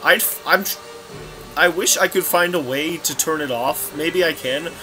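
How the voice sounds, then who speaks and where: Game music plays behind a young let's play commentator whose voice is fairly high, bright and forceful, though his pace stays unhurried. He rambles casually through a racing game in a scatterbrained way, frequently fixing his words mid-sentence.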